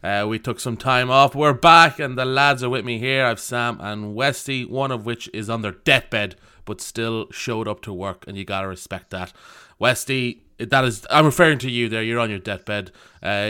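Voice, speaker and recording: Bright, clear-voiced Irish podcast host, a man. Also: medium pitch, normal speed. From County Cavan, Ireland. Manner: joking, teasing banter. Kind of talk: casual chat.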